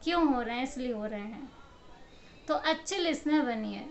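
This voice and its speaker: A high-voiced woman talks directly to camera at a moderate pace, delivering casual motivation through everyday stories where she performs people's words and laughs a lot. It's recorded on the camera mic.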